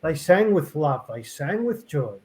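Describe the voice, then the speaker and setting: A middle-aged man, a podcast guest, talking reflectively in a rambling, halting way full of fillers and restarts. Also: a little high, big pitch swings, a little mellow, low-quality recording. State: tearful. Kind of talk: reflective conversational interview.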